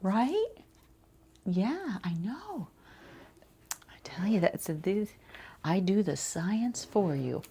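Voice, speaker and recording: In an ASMR roleplay, a woman plays a skincare consultant, her medium-pitched voice soft, breathy, and often slipping toward a whisper. She's very animated yet slow, pausing often as she chats casually, rambles, and reassures the client.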